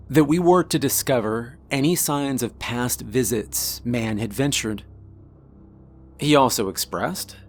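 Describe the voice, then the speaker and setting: Slow, measured male storyteller. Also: mid-range voice. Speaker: minister. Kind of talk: scripted story narration.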